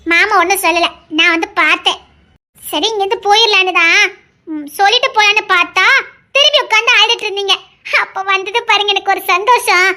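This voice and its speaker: A woman's voice: extremely high pitch, a little fast, sharp tone. A woman voicing a stubborn, loving young wife in an audio drama, talking earnestly and insistently. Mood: devoted, pleading.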